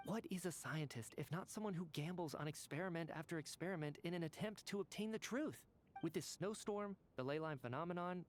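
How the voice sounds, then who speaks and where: A calm reasoning scientist. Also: male voice, sits high, slight background noise. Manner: measured, thoughtful, explanatory. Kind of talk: video game voice acting. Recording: game audio with faint music behind.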